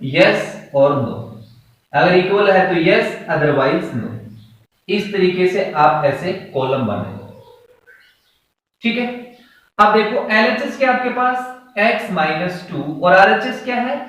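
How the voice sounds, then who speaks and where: Guy teaching real slow, asks the kids questions, far off in a super echoey room. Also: high voice, animated, fairly bright tone. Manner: slow, step-by-step explaining with questions to students. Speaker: maths teacher. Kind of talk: classroom maths lesson.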